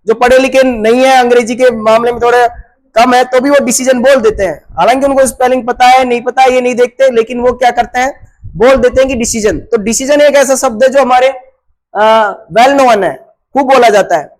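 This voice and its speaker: A man's voice: very high-pitched, low-quality recording. A male teacher giving an exam-prep grammar lesson, asking questions and answering them himself, and spelling words out letter by letter.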